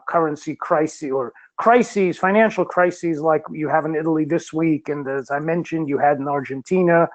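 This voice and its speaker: A man on a video call explaining economic policy in measured answers, with frequent ums and restarts. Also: fairly high pitch, highs cut off. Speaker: policy expert panelist.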